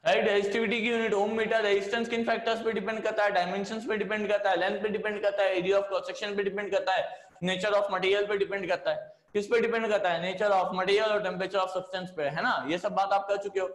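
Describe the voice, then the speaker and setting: A man's voice: high-pitched, level tone, a little fast, echoey room. A man teaching physics in a chatty lecture, coaxing his students along. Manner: chatty, coaxing, says "है ना" often. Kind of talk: classroom lecture.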